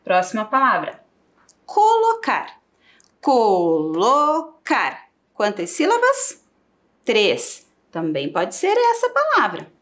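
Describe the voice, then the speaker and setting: A woman with a Brazilian Portuguese accent teaching a televised primary school lesson, sounding out syllables for children. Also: on the high side. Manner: slow, lively, sings out syllables for children.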